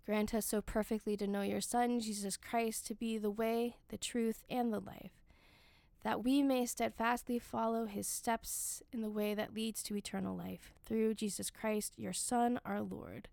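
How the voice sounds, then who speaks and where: A woman leading worship, reciting prayers and scripture in measured, solemn short phrases. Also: on the high side, steady tone, vocal fry, darkish tone, no echo. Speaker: worship leader reading the daily office. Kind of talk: liturgical prayer and scripture reading.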